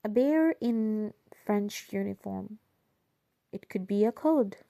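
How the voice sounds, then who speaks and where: A woman's voice: mid-range voice, lively intonation, slow, creaky, mellow, no room sound, studio quality. A woman voicing a harsh, bullying male army officer with curt, cold commands in an audiobook reading. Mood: cold, menacing.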